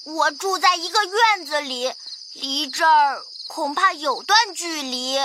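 A woman's voice: sits high, slow pace, background noise. A woman voicing a small, plucky young male mouse hero in a children's audio fairy tale, earnest and childlike. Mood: polite, earnest.

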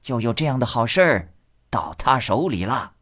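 A man's voice: mid-range voice, sing-song, normal speed, a bit bright. A man voicing a stingy middle-aged uncle who lectures his nephew in a preachy, scolding way. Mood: lecturing.

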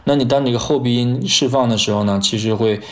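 A young man whose first language is Chinese, teaching English pronunciation and repeating phrases slowly several times. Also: mid-range voice. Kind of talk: pronunciation lesson.

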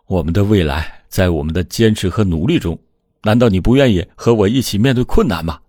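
A man's voice: lowish voice, fairly quick, a little mellow, no room sound, clean studio sound, lightly acted. A man voicing a hurt, desperate young husband in a dramatized true-crime retelling, pleading and lashing out. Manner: pleading, then heated outbursts.

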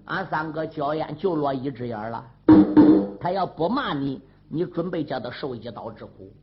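A man's voice: fairly high pitch, expressive, normal speed, muffled recording, music in the background, voice pushed down, lightly acted. A man voicing a loyal young sworn brother who pleads and bargains earnestly.

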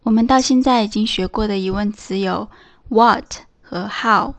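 A woman teaching English in a scripted lesson, reading out example phrases slowly and clearly. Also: mid-range voice.

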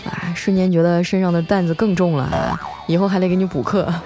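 Over music, a young woman podcast host runs a comic audio show, telling funny stories and reading out listener messages. She's chatty and playful, trailing her phrases with 啊, and speaks briskly at a fairly low pitch.

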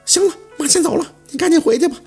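A shrill weeping village wife. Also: male voice, racing, a little mellow, soft background music. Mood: pleading. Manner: high wailing sobbing voice.

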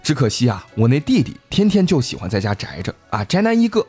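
A man's voice: mid-range voice, huge pitch swings, fast, a little mellow, slightly rough, soft background music. A man voicing a wandering stranger who hunts a fox spirit and warns a family in a folk tale retelling. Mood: earnest. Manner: earnest, warning.

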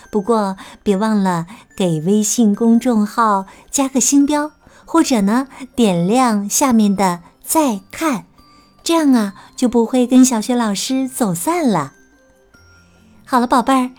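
A woman's voice: fairly high pitch, darkish tone. A woman narrating bedtime sleep stories for young children in a soothing, teacherly way, addressing them tenderly. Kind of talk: sleep story narrator, bedtime picture-book storytelling. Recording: music behind the voice. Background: music.

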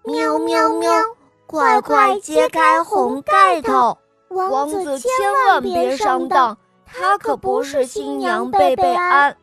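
A woman's voice: very high-pitched, big pitch swings, slow, sharp tone, soft background music, voice pushed up, full character voice. A woman voicing a chorus of little cats who chant in a meowing sing-song in a children's storybook. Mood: warning. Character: chorus of small singing cats.

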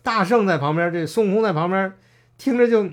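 A man co-hosting a casual chat, retelling scenes with animated acted-out quotes. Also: sits high, brisk. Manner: animated storyteller, acts out quoted lines. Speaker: podcast co-host. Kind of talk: casual chat about a classic novel.

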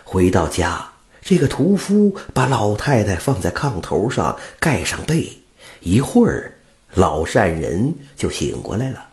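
A man telling a folk tale as a storyteller, in an animated, expressive way. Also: on the low side, measured pace, roomy sound.

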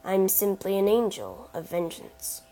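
A woman voicing a bitter, vengeful middle-aged nobleman who speaks low, cold and subdued. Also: moderate pace, natural voice, poor audio.

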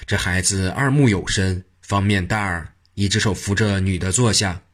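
A man narrating a traditional story with a lively, vivid manner. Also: deep voice, moderate pace, breathy edge.

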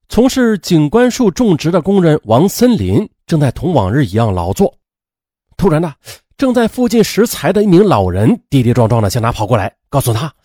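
A man's voice: a little high, darkish tone, dry recording, clean studio sound. A man narrating a true crime story in a dramatic, emphatic, explanatory way, with conversational asides.

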